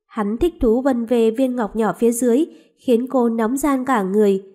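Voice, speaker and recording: Woman narrator for a dramatic romance audiobook, expressive reading, slightly high pitch. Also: normal speed.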